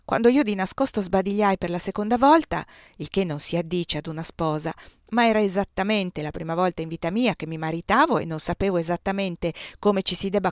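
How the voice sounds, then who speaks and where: A woman narrating a novel as an audiobook reader, with expressive, varied storytelling. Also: mid-range voice, no echo, clean studio sound.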